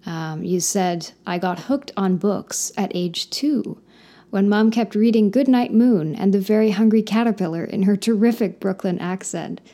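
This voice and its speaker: A woman's voice: mid-range voice, moderate pace, mellow. A woman who is a librarian, interviewing a guest with short questions. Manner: brief prompts and questions.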